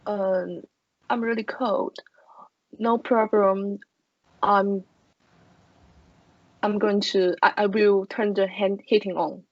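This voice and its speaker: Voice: mid-range voice, little pitch movement, slow pace, pauses often, muffled recording. A student in an online English lesson, speaking hesitantly and repeating words while practicing.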